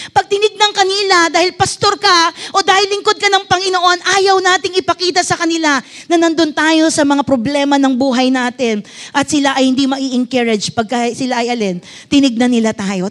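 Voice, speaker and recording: Casting: middle-aged Filipino woman pastor, very high voice, fervent preaching style, keeps asking the congregation questions. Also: a bit bright. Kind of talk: sermon.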